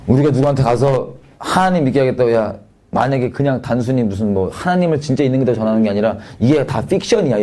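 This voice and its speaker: A man preaching in a casual, conversational way, asking the audience many rhetorical questions and swinging his pitch up and down for emphasis. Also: dark tone. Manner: sudden swings between raised and dropped pitch for emphasis. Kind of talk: sermon.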